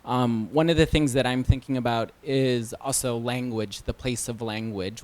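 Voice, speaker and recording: A man from Detroit asking a long question from the audience at a book reading, with many pauses and ums. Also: medium pitch. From Detroit, United States. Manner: hesitant, many ums and uhs.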